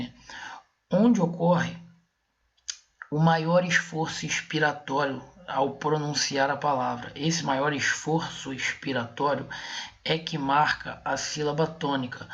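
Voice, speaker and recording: A man's voice: fairly high pitch, gravelly, fairly bright tone, dull audio. A Brazilian man giving an online Portuguese exam-prep lesson, explaining step by step and checking in often with his students. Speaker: Portuguese teacher.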